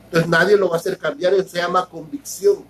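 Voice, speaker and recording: A male pastor delivering a sermon in a high, husky voice. He explains patiently, stumbles and repeats words, and often turns to his listeners to ask if they follow him. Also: steady tone, poor audio. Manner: explains slowly, repeats words and keeps asking ¿verdad?.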